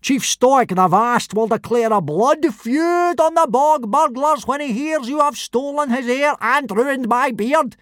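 A man's voice: very high voice, unhurried, few pauses, a bit bright, no room sound, clean studio sound, voice pushed up. A man doing a bellowing Viking warrior. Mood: raging. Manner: bellowing, furious. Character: hot-headed male Viking teacher, bellowing.

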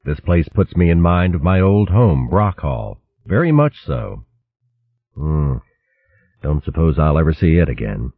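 A man voicing a big, noble male badger lord who speaks low and subdued. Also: big pitch swings, a little slow, dry recording, heavily acted. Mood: wistful. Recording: thin phone-like dry sound.

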